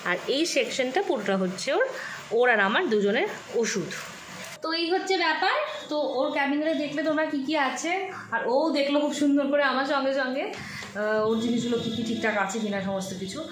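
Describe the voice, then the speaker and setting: Young woman vlogger, casual and chatty, higher voice, recorded with audible noise. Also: brisk. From West Bengal, India. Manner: chatty, showing things to viewers. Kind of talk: casual home vlog narration.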